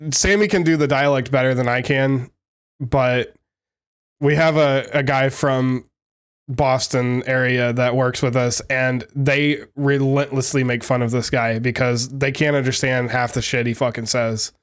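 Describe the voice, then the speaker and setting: A man's voice: medium pitch, steady tone, unhurried. A man from Alabama with a Southern US accent, co-hosting a casual podcast chat in a blunt, teasing manner. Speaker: podcast co-host.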